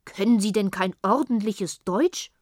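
A woman's voice: medium pitch, lively intonation, measured pace, breathy edge, dry recording, studio quality. A woman reading aloud, voicing a fussy, indignant housewife in a storybook. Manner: indignant, exclaiming.

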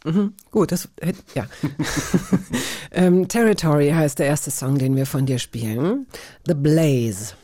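A woman's voice: sits low, takes it slowly, warm tone, no echo, clean studio sound. A woman hosting a radio conversation, chatty and playful as she tells stories. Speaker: radio show host.

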